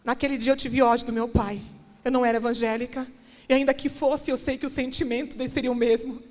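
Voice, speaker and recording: A guest minister preaches in a church hall, her high, darkish voice fast and flat as she gives an impassioned personal testimony building to emphatic declarations. Long church reverb colors the recording.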